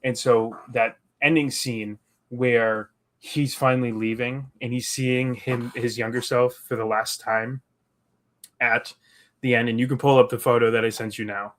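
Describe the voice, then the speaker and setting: A man's voice: medium pitch, steady tone, measured pace. A man co-hosting a podcast, chatting casually through a recap, rambling with restarts and acting out quotes. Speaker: podcast co-host.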